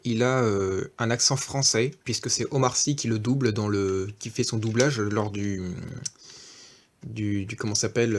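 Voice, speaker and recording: A man's voice: fairly low pitch, slight background noise. Hesitant man reviewing a toy. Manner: hesitant, many fillers and self-corrections. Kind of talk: casual off-camera toy review.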